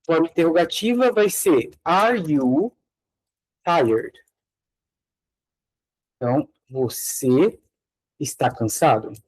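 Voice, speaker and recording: Teacher, slow and patient. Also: male voice, a little high, expressive, rough recording. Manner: explains patiently, repeats each example slowly. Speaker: English teacher. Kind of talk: online English lesson.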